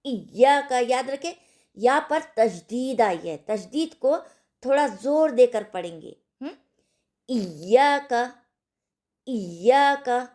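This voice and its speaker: Woman, recitation teacher, slow drill-style delivery, a touch higher voice. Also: lively intonation, dark tone. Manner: slow, deliberate, repeats sounds for practice; asks the class if they understood. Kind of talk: online tajweed lesson.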